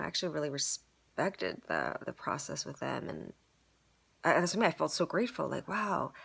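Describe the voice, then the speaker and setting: A woman's voice: low voice, vocal fry. A woman musing aloud in a casual, rambling monologue, reflecting on a storytelling performance and full of "like" and "you know".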